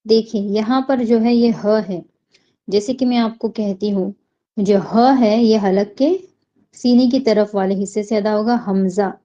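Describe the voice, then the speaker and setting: A woman teaching Quran recitation. She explains each sound patiently and chants the verses slowly. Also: mid-range voice, fairly even intonation, warm tone, dull audio.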